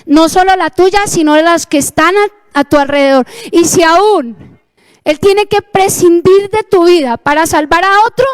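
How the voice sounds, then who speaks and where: A Colombian woman preaching a sermon, telling a testimony earnestly and acting out the dialogue. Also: extremely high pitch. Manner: earnest storytelling, acts out dialogue.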